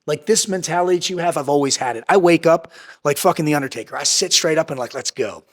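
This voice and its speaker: A man speaking as a guest in a candid podcast interview, blunt and intense, swearing heavily and hammering points through repetition. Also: a little high. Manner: swings between fast bursts and slower, drawn-out phrases. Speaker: podcast guest, entrepreneur and former Navy SEAL.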